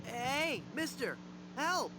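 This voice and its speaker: An actor playing a hapless, earnest young adventurer and glib bluffer in a cartoon adventure game, theatrical and wry. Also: male voice, on the high side, sing-song, normal speed, noisy background. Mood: pleading.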